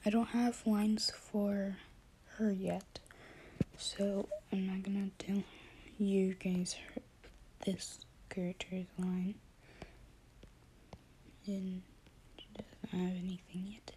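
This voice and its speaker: Sleepy lady whispering to her viewers, flat slow voice, lots of ums, faint hiss behind. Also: mid-range voice. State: just woken up, tired. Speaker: vlogger. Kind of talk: casual whispered chat to viewers. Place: home, early morning.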